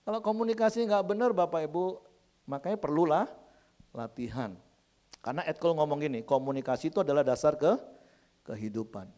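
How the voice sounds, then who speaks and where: A man preaching a lively, humorous sermon, often addressing the congregation and acting out quoted couples. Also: on the high side, a little fast. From Sumatra. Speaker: pastor.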